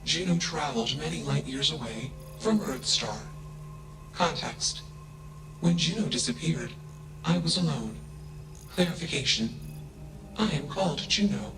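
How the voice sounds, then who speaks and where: A man voicing a self-aware machine intelligence in a video game, speaking flatly and without emotion, opening each clipped statement with a one-word tag. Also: fairly high pitch, measured pace, long pauses, low-quality recording. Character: flat emotionless self-aware AI who insists it is a person. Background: game music.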